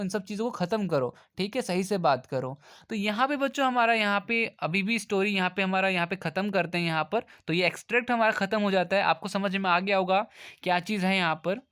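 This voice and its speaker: A man teaching a class lesson, reading English lines slowly and then explaining them in casual Hindi. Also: high voice.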